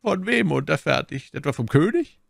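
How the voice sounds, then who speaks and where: A man voicing a stern, imperious older male cardinal in an audiobook, speaking slowly and deliberately with a menacing edge. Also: on the high side, animated, creaky, no echo, studio quality, voice pushed up, exaggerated voice. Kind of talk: audiobook character voice.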